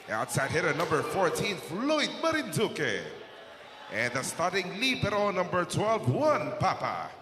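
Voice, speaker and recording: A man working as an arena announcer, making formal introductions and drawing out names with emphatic, booming shouts. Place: large indoor sports arena over PA. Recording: echoey sports hall with loud crowd noise.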